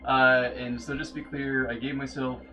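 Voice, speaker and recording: A man's voice: medium pitch, flat delivery, moderate pace, bright, forceful tone, soft background music, poor audio. A man playing a tabletop game, chatting casually and explaining his moves. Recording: clear background noise.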